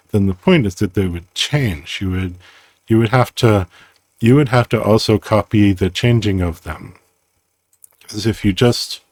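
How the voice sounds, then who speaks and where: Rambling, playful man, deep and unhurried, stops and restarts as he thinks, dry sound. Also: a little mellow, no echo. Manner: halting, self-interrupting, playful, muses aloud. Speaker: creator explaining his own programming system. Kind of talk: casual rambling screen-recorded explanation.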